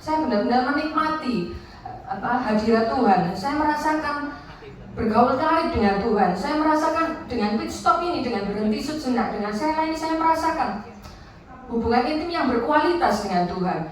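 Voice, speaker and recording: A woman tells her personal testimony in a frank, conversational way, slipping in phrases. Her voice sits a little high. She is picked up from some distance in a strongly echoing function room, with faint room noise behind her. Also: lively intonation, moderate pace. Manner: candid, mixing in Javanese asides. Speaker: testimony speaker at a women's fellowship meeting. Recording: echoey room, distant mic.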